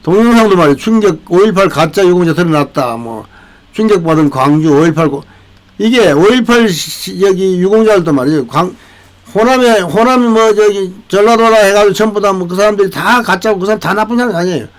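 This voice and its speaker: A man's voice: high-pitched, lively intonation, a little fast, poor audio. An older man hosting a veterans' channel, giving a rambling political commentary with many restarts and tag questions. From South Korea.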